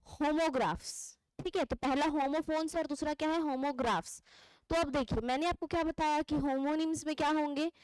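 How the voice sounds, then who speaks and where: Lady teacher, high voice, dry close sound, keeps asking and answering her own questions. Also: fairly even intonation, brisk, a little mellow, no room sound, poor audio. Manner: asks questions and answers them herself, ends points with "theek hai". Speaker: English teacher. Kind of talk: classroom lesson explaining grammar.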